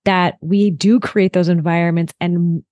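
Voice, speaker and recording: A woman's voice: fairly low pitch, fairly even intonation, unhurried, a little mellow, dry recording. Chatty woman on a video call. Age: late 30s. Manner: chatty, acts out her own thoughts in quotes. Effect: heard over a video call. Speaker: podcast guest. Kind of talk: casual interview chat.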